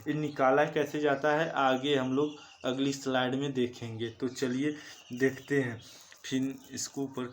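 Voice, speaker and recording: A man teaching a lesson from slides, speaking slowly and repeating terms as he corrects himself. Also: medium pitch, flat delivery, a little hiss or hum. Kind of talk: slide-based online lesson.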